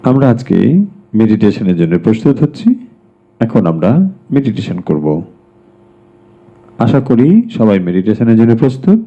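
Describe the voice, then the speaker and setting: A man leading a guided meditation as a teacher, giving slow, measured instructions with pauses between them. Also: on the low side, expressive, warm tone. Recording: dull, lo-fi sound.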